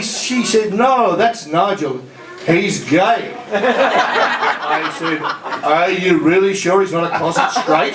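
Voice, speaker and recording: Older Australian man giving a jovial wedding toast, slightly high voice, heard from afar in an echoey room. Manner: jovial storytelling, chuckling between lines. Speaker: wedding guest speaker. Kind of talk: wedding speech. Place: yacht club reception hall. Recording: echoey hall, distant mic, background noise.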